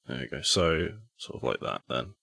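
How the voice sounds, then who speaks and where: A man's voice: a bass voice, big pitch swings, normal speed, vocal fry, bright, forceful tone, husky, dry recording, clean studio sound. A man running a tabletop game as game master, easygoing and thinking aloud.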